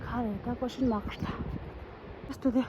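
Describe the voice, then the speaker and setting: A young woman talks on a casual travel vlog in a high, bright-pitched voice. She is chatty, exclaims often and breaks into laughs. Faint outdoor noise sits behind her. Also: steady tone, a little slow, highs cut off. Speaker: vlogger.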